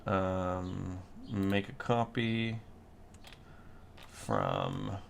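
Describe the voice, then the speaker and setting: A man's voice: low-pitched, wildly swooping pitch, very slow, creaky, a little hiss or hum. A sleepy man thinking aloud as he works through a 3D design on his computer. He mutters to himself and repeats little words over and over. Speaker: designer working through a 3D model.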